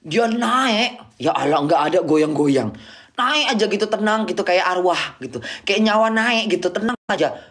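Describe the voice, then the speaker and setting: A woman's voice: mid-range voice, animated, moderate pace. A middle-aged woman from Indonesia telling a travel story on a live stream, exclaiming often and acting out sounds and quoted exchanges.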